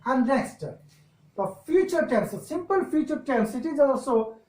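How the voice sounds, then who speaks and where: A woman with a Telugu accent, a native Telugu speaker, teaching an English grammar lesson in halting, repetitive phrases. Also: sits high, animated, dark tone. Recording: echoey room.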